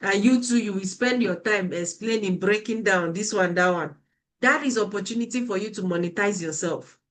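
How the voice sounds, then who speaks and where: A woman teaching a live online class over a video call, animated and laughing often. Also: medium pitch, normal speed. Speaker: online income coach.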